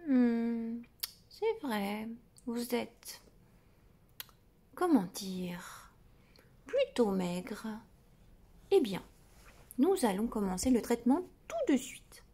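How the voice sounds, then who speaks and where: A woman voicing a plump, greedy, jolly male doctor who is out of breath, in a whispered role-play storybook reading, hushed and knowing. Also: very high-pitched, animated, very slow, long pauses, heavily acted.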